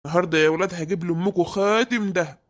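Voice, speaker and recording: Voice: mid-range voice, natural voice. ممثل يؤدي زوج مصري بخيل سريع الكلام. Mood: wary. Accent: Egyptian. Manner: fast, scolding and nagging. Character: stingy middle-aged Egyptian husband, grumbling.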